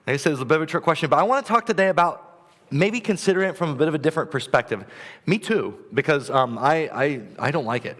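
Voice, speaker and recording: A man's voice: fairly high pitch, animated, fast talker, a bit bright. A man preaching a sermon in a loose, chatty way, keyed up and joking, with filler words and restarts. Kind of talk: casual conversational sermon. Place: church sanctuary. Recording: long hall reverb in a church.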